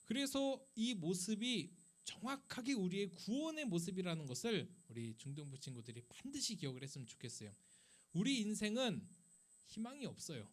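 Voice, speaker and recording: Male youth pastor, high and animated, chatty sermon full of rhetorical questions. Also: moderate pace. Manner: lively, conversational preaching with rhetorical questions; acts out quoted speech. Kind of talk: sermon to a middle school youth group. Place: church worship service.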